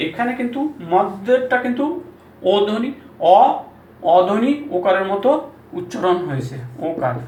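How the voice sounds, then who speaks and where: A man teaching pronunciation, repeating example words slowly and asking rhetorical questions. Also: high voice, slight background noise. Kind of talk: Bengali pronunciation lesson. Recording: echoey room, mic at a distance, faint ambience.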